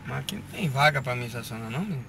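A man's voice: medium pitch, expressive, racing, creaky. A Brazilian man with a São Paulo interior accent, giving short laid-back replies while driving. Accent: Brazilian Portuguese, São Paulo interior. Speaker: husband, driver. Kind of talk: casual family chat. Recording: loud road noise inside a car.

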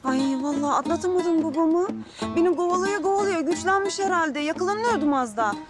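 A rambling, folksy young village woman speaks. Her voice sits high and her words come quick. Music plays behind her, as in a TV comedy. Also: animated. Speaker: village bride Kamuran. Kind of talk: TV comedy acting.

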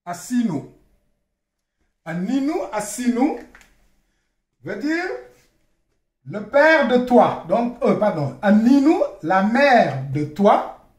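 A man with a high, lively voice leads a slow language lesson. He repeats each word and spells it out carefully, and the room around him gives off a clear echo. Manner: repeats words slowly, spells them out. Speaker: language teacher.

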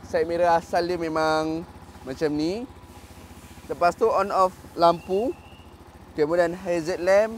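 Outside a motorcycle shop, in its parking lot, a Malaysian Malay-accented dealer in his thirties delivers cheerful sales patter about a motorcycle, sprinkled with English fillers. His voice sits on the high side, with a little hiss or hum in the audio.

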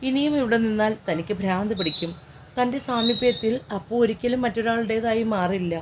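A woman narrating a romantic novel with an emotional, measured reading. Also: a little high, background noise. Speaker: audiobook narrator. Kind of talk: dramatic storybook narration.

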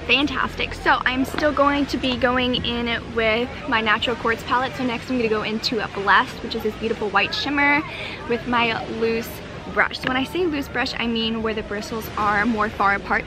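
A young woman hosting a makeup tutorial, bubbly and chatty, sitting at an outdoor picnic table near the beach and filming herself up close. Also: a little high. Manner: bubbly, chatty, lots of "super" and "fantastic". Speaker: beauty vlogger. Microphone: handheld camera close up.

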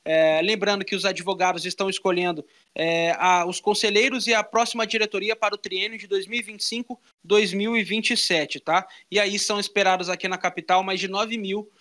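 A young Brazilian man reporting live into a handheld mic in a small studio. His voice sits high and bright, with a crisp edge. He talks through the figures conversationally, often checking in with a quick "tá?". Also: fairly even intonation. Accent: Brazilian Portuguese. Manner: informative, conversational, with filler "tá?". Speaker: radio reporter. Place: small radio studio with meeting table. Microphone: handheld microphone.

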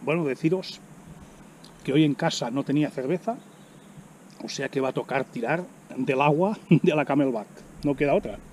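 In the woods with a camera resting on the ground in front, a middle-aged vlogger eats snacks and chats casually, exclaiming often as he goes. The voice is slightly high with a darkish tone and moderate pace, and faint background noise is present.

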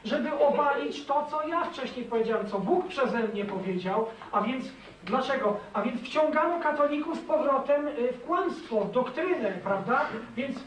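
A man's voice: extremely high pitch, animated, normal speed, a little hiss or hum. A man, a former priest, giving an earnest, emphatic testimony to an audience, often checking in with his listeners. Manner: earnest, emphatic, appeals to listeners with tag questions. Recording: echoey hall, voice from a distant mic.

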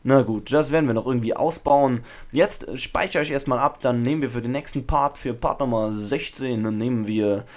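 Excitable young man commenting gameplay. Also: medium pitch, normal speed, few pauses. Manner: excitable, shouts player names at big moments. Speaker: gaming channel host. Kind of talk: let's play commentary. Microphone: USB podcast microphone.

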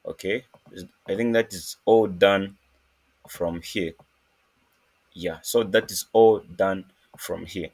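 A man from Zambia hosting a casual screen-recorded coding tutorial, talking in a halting way with many fillers and restarts. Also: sits low, fairly even intonation, darkish tone. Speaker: programming tutorial host.

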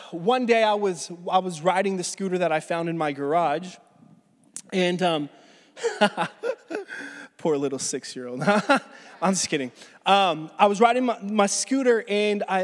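A man in his thirties preaching a sermon as pastor, telling a story casually with many restarts, a little out of breath. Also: sits high. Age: 30s. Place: church hall. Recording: reverberant church hall.

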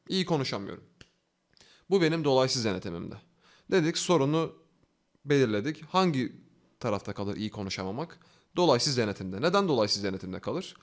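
A man teaching a self-development lesson, walking through steps by asking himself questions and answering them, with an earnest, coaxing delivery. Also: mid-range voice. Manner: fast, earnest, coaxing delivery with rising emphasis. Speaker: online self-development instructor. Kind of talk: instructional talk.

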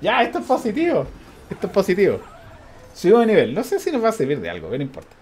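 A man with a Chilean accent giving casual gameplay commentary as a streamer, thinking aloud, counting out loud and chuckling often. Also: sits high, huge pitch swings, racing, a little hiss or hum.

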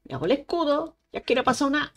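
A young woman with a Spain Spanish accent giving excitable, chatty let's-play commentary, talking to the game animals and bursting into shrieks. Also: sits high, racing. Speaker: Minecraft streamer.

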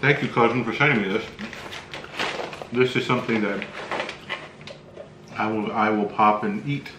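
A middle-aged man with a fairly low voice reviews food casually. He speaks in a halting, low-key way while tasting. The room is echoey, with faint noise behind him. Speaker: spicy food review host. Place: small bright room indoors. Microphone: camera mic across a table.

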